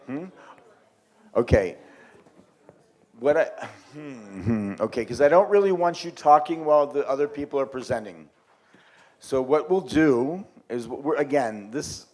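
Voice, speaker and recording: A middle-aged man leading a workshop for a live group, animated and shifting between loud and quiet. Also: medium pitch. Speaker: workshop leader.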